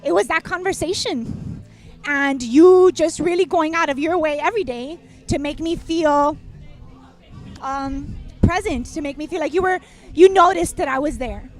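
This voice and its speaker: A woman's voice: sits high, normal speed, faint music behind. A woman in her thirties, a guest on a talk show who founded a kindness movement, tells a heartfelt story and acts out the quotes, near tears. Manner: warm, tearful, acts out quotes. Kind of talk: emotional storytelling interview.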